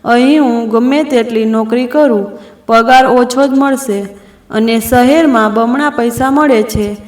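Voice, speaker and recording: Lady doing a worried young guy, anxious and pleading, slightly high, echoey room. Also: measured pace, a little mellow, close to an everyday voice. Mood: earnest. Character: young man, worried son searching for parents.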